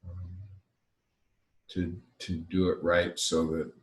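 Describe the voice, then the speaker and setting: A man's voice: sits low, completely flat delivery, slow pace. A man co-hosting a casual self-growth chat, with dry, teasing humor. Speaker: co-host.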